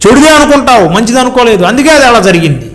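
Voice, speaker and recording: A man's voice: very high-pitched, sing-song, quick pace, fairly bright tone. A man preaching a sermon, emphatic and exhorting, piling up repeated phrases and speaking straight to his listeners. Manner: familiar direct address to listeners.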